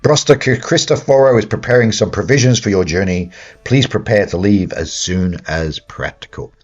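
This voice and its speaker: A man voicing a gentle, studious monastery abbot in his own plain voice, with formal wording and no accent. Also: fairly low pitch, moderate pace, dull audio, soft background music, close to an everyday voice. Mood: grave.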